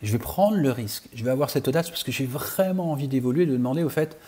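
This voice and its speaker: Husky, mellow-voiced man coaching learners. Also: medium pitch, quick pace. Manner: steady explanatory, speaks directly to learners. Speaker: coach and trainer. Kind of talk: online training lesson.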